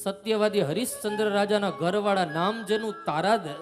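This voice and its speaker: A man's voice: high-pitched, brisk. A man from telling a religious story at a live gathering, acting out the characters and chanting folk verses. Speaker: katha storyteller. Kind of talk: religious discourse with acted story. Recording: reverberant hall with music behind.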